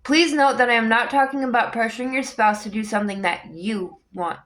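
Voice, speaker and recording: Woman reading a book aloud, higher voice. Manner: calm, measured reading with small restarts. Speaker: audiobook reader.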